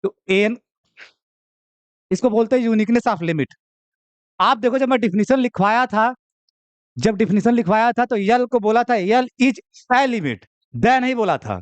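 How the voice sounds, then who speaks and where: A man's voice: high voice, expressive, moderate pace, pauses often, smooth, no room sound. A young man teaching maths to a class, chatty and teasing, often checking in with "okay". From India. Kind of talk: classroom lecture.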